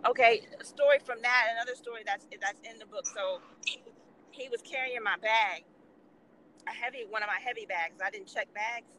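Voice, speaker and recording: A woman's voice: on the high side, normal speed, slight background noise, poor audio. A woman guest, an author, telling funny stories in casual chat and acting out the people in them. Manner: animated storyteller acting out quoted voices.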